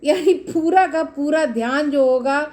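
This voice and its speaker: High-voiced woman reading tarot. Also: measured pace, darkish tone. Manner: explains cards repetitively, addresses viewers directly. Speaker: tarot reader. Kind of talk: casual tarot reading to camera.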